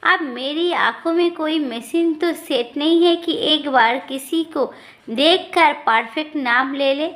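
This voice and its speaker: A woman voicing a sleazy, smooth-talking male village tailor who wheedles and then defends himself. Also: high-pitched, slow pace, fairly bright tone. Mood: defensive.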